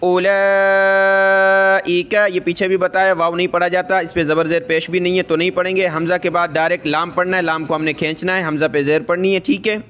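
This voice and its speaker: A man teaching Quran recitation. He explains each rule slowly, checks in with "ठीक है" over and over, and chants the verses long and drawn out. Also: high-pitched, level tone, fairly bright tone. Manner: says "ठीक है" often to check the listener. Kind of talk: Quran tajweed lesson.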